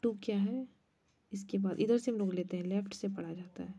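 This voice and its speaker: A woman's voice: medium pitch, fairly even intonation, brisk, warm tone, slightly rough. A woman maths teacher explaining place values step by step at a board, now and then muttering asides. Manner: mutters asides under her breath. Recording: muffled lo-fi recording.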